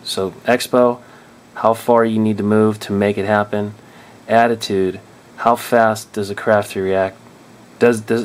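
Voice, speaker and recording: A man explaining drone control settings in a casual tutorial, thinking aloud and often restarting or correcting himself. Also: lowish voice. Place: indoors at a table.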